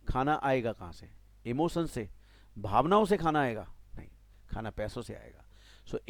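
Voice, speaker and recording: Animated Indian man teaching tax. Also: mid-range voice, dry recording. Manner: animated, mixes Hindi and English, asks students "clear?". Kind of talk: classroom lecture.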